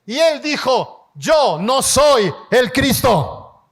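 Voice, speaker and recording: A man preaching a sermon as pastor, leading his congregation in call-and-response and rising to shouts. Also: extremely high pitch, very animated, husky. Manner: slow, emphatic delivery, rising to shouts. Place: church hall before a congregation.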